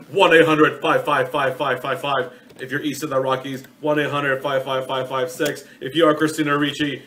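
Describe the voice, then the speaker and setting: A man's voice: medium pitch, fairly bright tone, a little hiss or hum. A man hosting a comic call-in show in a bossy, theatrical announcer manner. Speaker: host.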